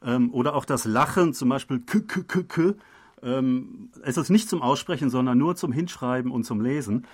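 A man co-hosting a radio program, explaining in conversation and often pausing on filler sounds. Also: mid-range voice, slightly rough. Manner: hesitant, many filler sounds.

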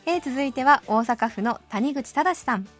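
A woman's voice: high-pitched, normal speed, over music. Cheerful woman radio host in her late 30s. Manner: cheerful, animated, laughing often. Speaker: radio host reading listener letters. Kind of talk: radio letter-reading chat. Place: radio studio.

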